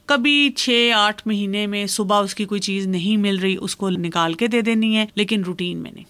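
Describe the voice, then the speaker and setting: Bright, instructive woman giving parenting advice. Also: mid-range voice, no room sound. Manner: calm, instructive, explains with everyday examples. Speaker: expert guest on parenting. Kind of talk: advice talk on a radio program.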